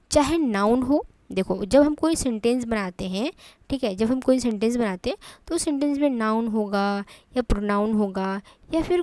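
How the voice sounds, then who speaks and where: A woman with an Indian accent teaching English grammar in Hindi. She explains step by step, repeats key terms and reads English example sentences out slowly. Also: a little high, a little mellow, dry recording.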